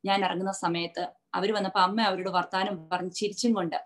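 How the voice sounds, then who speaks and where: A woman's voice: mid-range voice, steady tone, brisk. Woman telling her faith testimony. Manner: emotional storytelling, many fillers. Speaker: testimony speaker at women's church meeting. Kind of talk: personal testimony.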